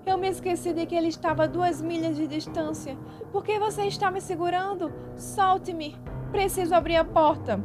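A woman voicing a frantic older mother, desperate for her son, with shrill, pleading shouts. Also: fairly even intonation, moderate pace, over music.

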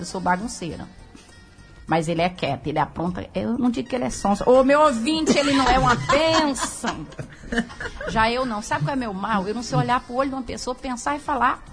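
A woman radio pastor preaching with fervent emphasis, laughing often as she talks. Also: on the high side.

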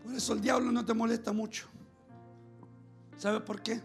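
A man's voice: very high-pitched, level tone, normal speed, faint music behind. A man preaching a fervent sermon as a pastor, calling out to his congregation during a church service.

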